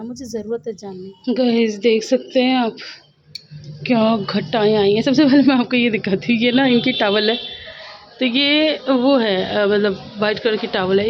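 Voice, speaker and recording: A woman's voice: sits high, dull audio, slight background noise. A middle-aged woman from India chatting casually and animatedly to her viewers in a home vlog. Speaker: vlogger. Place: at home, indoors.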